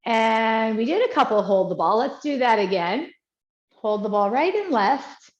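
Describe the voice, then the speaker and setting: A woman teaching tai chi, giving calm, encouraging movement cues in short, unhurried phrases. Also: on the high side. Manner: encouraging, praising as she guides. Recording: dull, echoey room sound.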